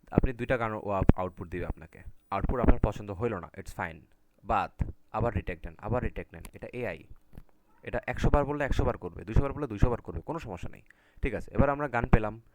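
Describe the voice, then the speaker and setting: Guy running a zoom-style class, keeps asking "ok?", noisy call audio. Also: on the low side. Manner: casual, repeats "ঠিক আছে?" to check in with students. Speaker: online class instructor. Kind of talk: live online class with screen share.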